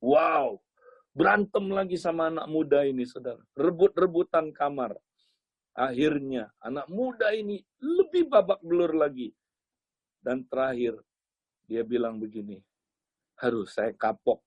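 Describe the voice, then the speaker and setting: A man preaching a sermon as a lively story, often turning to address his listeners directly. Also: on the high side, moderate pace, breathy edge, no room sound, dull audio.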